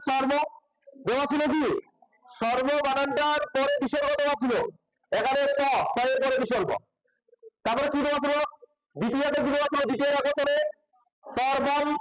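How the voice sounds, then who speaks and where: High-voiced man teaching a class. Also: low-quality recording. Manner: keeps asking the class questions and repeating answers. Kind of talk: classroom Sanskrit grammar lesson.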